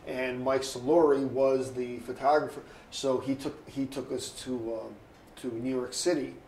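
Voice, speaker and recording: A man's voice: mid-range voice, steady tone, moderate pace, a little mellow. Older man, rambling storyteller, mimics others, roomy recording with faint hum. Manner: rambling storyteller, acts out quoted voices. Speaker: interviewee, photographer. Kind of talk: oral history interview. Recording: echoey room, faint ambient noise.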